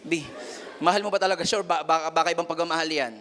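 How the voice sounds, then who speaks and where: Animated young male preacher in a reverberant hall. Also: fairly high pitch, racing, a little hiss or hum. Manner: animated, acts out family members' voices. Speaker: youth pastor. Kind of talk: lively youth sermon. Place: church hall.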